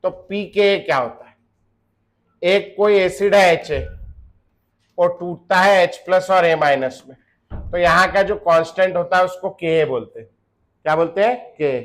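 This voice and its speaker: Unhurried and pausing at length, a man with a high, somewhat bright voice teaches a chemistry class. He asks questions and answers them himself, jokes with the students, and sprinkles in English phrases.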